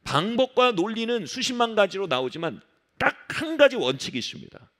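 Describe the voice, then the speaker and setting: Man, pastor, sermon, high voice, very animated pitch, emphatic, low soft drops for stress. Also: fairly quick. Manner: acts out quoted voices of resisting people. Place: church sanctuary.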